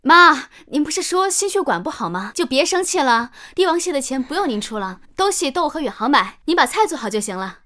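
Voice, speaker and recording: An actress playing an entitled, scheming young daughter-in-law with a vicious temper, shrill and accusatory, in a melodramatic short drama. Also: female voice, sing-song, brisk, sharp tone, full character voice. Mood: falsely conciliatory. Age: young adult. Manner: shrill, accusatory, swings between tirades and coaxing.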